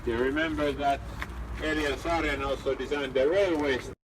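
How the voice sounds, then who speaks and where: A man working as a ghost tour guide, telling stories live to a group in a halting, conversational way. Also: fairly high pitch, fairly even intonation. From Finland. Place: outdoors on city streets. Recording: windy, noisy outdoor recording from a distance.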